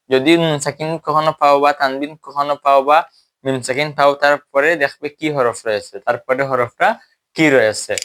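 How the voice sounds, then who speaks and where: A man teaching a Quran recitation lesson at a whiteboard, asking questions and answering them himself, and slowly stretching out Arabic words to demonstrate recitation. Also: on the high side, a bit bright, slight background noise. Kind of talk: classroom tajweed lesson.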